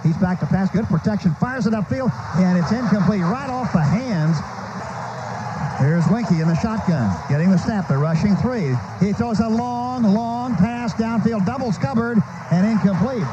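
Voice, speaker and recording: An expressive, high-voiced American announcer gives live radio play-by-play of a football game from the stadium booth at normal speed. Clipped, flowing phrases swell when big plays happen, all captured in a muffled, noisy vintage broadcast.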